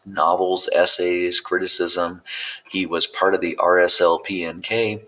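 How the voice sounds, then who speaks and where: Low, gravelly-voiced male teacher lecturing. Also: rough recording. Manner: relaxed, meandering delivery with frequent fillers and restarts. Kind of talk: recorded classroom lecture.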